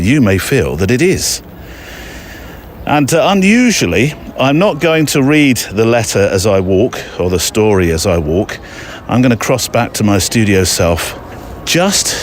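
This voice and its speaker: Walking outdoors in an overgrown park, a man hosts a podcast, rambling chattily to listeners with hesitant asides along the way. His voice is fairly low in pitch, and a little hiss or hum can be heard.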